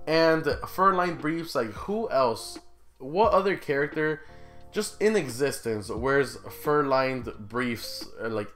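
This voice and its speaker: A young man hosts a gaming YouTube video, offering casual, conversational commentary at a middling pitch. He puts informal questions directly to his viewers while music plays behind him.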